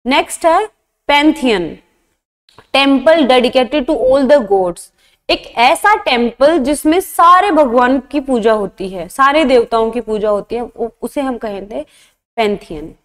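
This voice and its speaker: A woman's voice: high voice, expressive, slow pace, big-room sound. A woman teaching a vocabulary lesson, explaining English words in Hindi and repeating each term.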